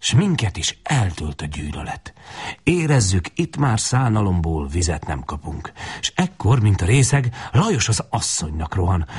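A man narrating a story in Hungarian... as a dramatic audiobook reading, expressive and dropping to hushed tones in intimate passages. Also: mid-range voice, slightly rough.

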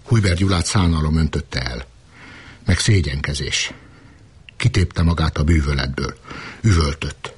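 A man narrating a literary novel in a measured, unhurried reading. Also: extremely low pitch, slightly rough.

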